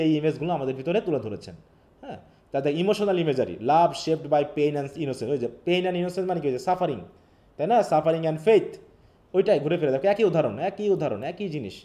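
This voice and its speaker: Bangladeshi male tutor, quick patient explanations, rather high, mellow voice. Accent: Bangladeshi Bengali. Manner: explains patiently, asks checking questions. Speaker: English teacher. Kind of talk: online live revision class.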